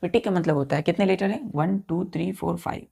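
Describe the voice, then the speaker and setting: A man teaching vocabulary, spelling each word letter by letter, counting aloud and repeating key words slowly for his students. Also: high voice, creaky, warm tone, breathy edge. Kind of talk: vocabulary lesson.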